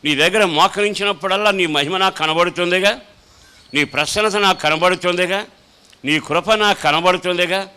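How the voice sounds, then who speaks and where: Bright, resonant preaching man. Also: sits high, moderate pace, clean tone. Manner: preaching with rising emphatic repetition; echoes his own scripture reading line by line. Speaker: pastor. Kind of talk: sermon.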